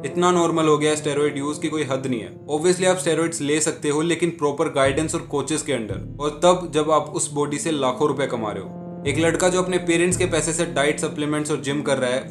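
A man narrating a scripted commentary in a measured, critical way, slipping English phrases into his speech. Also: a little high. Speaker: commentary channel host. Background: background music.

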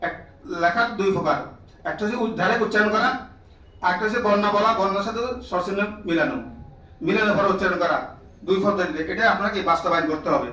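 High-voiced man lecturing in an echoey room. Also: fast talker, sharp tone, distant mic, muffled recording. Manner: drills the room with repeated questions, prods listeners. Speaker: teacher trainer. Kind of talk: classroom lecture to teachers.

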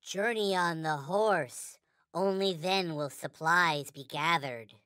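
Little toy Alien, slow and solemn. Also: male voice, fairly high pitch, bright, forceful tone, clear, resonant tone, no echo, clean studio sound. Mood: solemn, earnest. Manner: formal, stilted, solemn phrasing with inverted word order. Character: small, polite, earnest three-eyed toy alien. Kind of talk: video game character lines.

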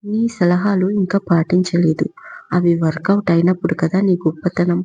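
A woman's voice: fairly low pitch, steady tone, normal speed, warm tone, slightly rough. A woman voicing a bold, cheeky young wife who talks back sassily, on a dull lo-fi recording. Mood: sassy. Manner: sassy, mixes English words.

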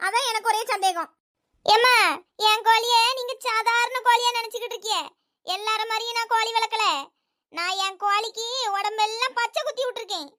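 A woman's voice: very high voice, steady tone, brisk, bright, forceful tone. A woman playing a bossy village woman who scolds and haggles over a stolen hen, with a Thoothukudi Tamil accent. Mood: questioning.

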